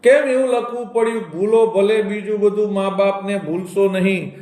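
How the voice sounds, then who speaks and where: A man giving an emotional moral talk to an audience. He tells stories, acts out a mother's gentle replies and keeps addressing his listeners directly. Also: high-pitched, steady tone, moderate pace. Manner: addresses listeners as "saheb" and urges them directly. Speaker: moral speaker. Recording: echoey room.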